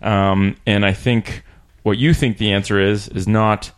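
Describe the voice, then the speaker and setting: Male podcast host, lowish voice, conversational and halting, recorded in a small room. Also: steady tone, clean tone. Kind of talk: casual interview chat. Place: small room in a rented apartment.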